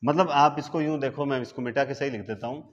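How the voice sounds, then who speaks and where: Speaking quickly in a medium-pitched voice, a man from India leads a live online grammar lesson at a board, stretching words out one syllable at a time. He repeatedly asks the class rhetorical questions to make sure they understand; the recording's highs are cut off.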